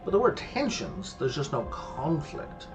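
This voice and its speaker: A fairly high, wildly swooping voice belongs to a gameplay streamer speaking a little slowly. In his casual let's-play of a mystery game, he thinks aloud, mutters to himself, and explains history, backed by game music.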